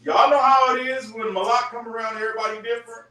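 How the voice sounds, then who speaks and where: A man with a high-pitched voice leads a group Bible study, explaining points in an emphatic, chatty manner and often checking that his listeners follow. He sounds some way from the mic, in a very echoey room. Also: fairly even intonation, fast talker, pushed and bright, far from the mic.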